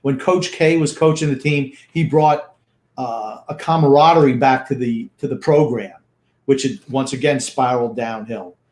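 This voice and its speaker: A man's voice: medium pitch, normal speed, darkish tone, reverberant. An older man co-hosting a sports talk show, blunt and grumpy with dismissive opinions. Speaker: co-host.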